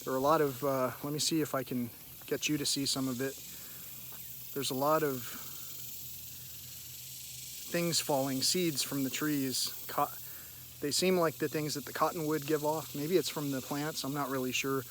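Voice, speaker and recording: A man vlogging outdoors in a halting, meandering, reflective way, often clearing his throat. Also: on the high side, fairly even intonation, a bit bright. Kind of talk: rambling, reflective spoken vlog. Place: outdoors in a park by a river. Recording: hissy outdoor recording with insect noise. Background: cicadas, birds, hiss and nearby traffic.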